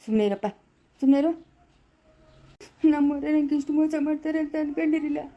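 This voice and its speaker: Woman putting on a gruff older village man, commanding and vengeful, quick, dark tone, Chikkaballapura Kannada. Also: fairly high pitch, fairly even intonation, lo-fi sound, close to an everyday voice. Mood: scolding. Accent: Kannada, Chikkaballapura area. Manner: commanding, reassuring, threatening. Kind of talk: amateur family village drama.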